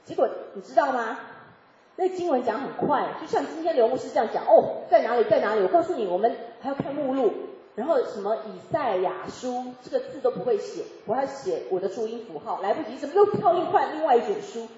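Woman, church testimony, quick, lively, laughs often; warm mellow tone, echoey hall, dull recording. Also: sits high, a little hiss or hum. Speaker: church member giving testimony. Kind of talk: personal faith testimony.

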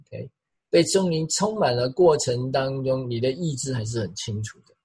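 A middle-aged man preaching with a deeply raspy, breathy voice. He is lively and demonstrative, repeats phrases for emphasis and acts out the sounds he talks about. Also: normal speed, rough recording. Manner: animated, vocally imitates the sounds he describes. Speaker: pastor. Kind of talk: sermon.

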